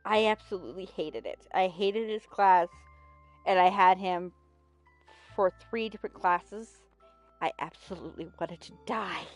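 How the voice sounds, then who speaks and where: A woman's voice: fairly low pitch, measured pace, faint music behind. A middle-aged woman hosting a game stream, chatting casually and telling stories with playful emphasis. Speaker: gaming host.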